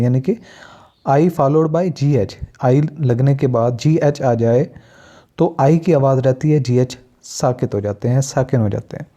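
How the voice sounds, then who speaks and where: A man from Pakistan giving a pronunciation lesson, explaining sounds deliberately and listing example words one at a time. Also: mid-range voice, mellow. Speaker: English teacher. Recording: dull lo-fi recording.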